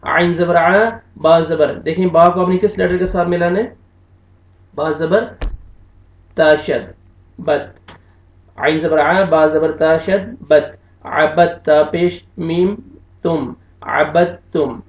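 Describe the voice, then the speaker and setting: Male Quran tutor, high voice, slow deliberate spelling of syllables, distant echoey lo-fi recording. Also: steady tone. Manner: slow syllable-by-syllable spelling with drawn-out recited words. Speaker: Quran teacher. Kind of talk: spelling out Quranic recitation lesson. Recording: echoey, distant, dull lo-fi room sound.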